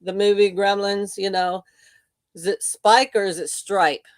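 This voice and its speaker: Slow-talking older woman hosting a live chat. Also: medium pitch, fairly even intonation, dry recording, studio quality. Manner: chatty, reads chat comments aloud and laughs often. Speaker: livestream host. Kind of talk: casual live chat reading viewer comments.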